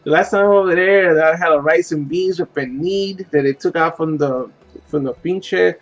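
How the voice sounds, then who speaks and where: In a muffled recording, a slightly high-voiced man speaks at a moderate pace while streaming a game with faint music behind him. He's from Puerto Rico, in his 30s, and keeps the chat casual, laid-back and full of cursing and easy laughter.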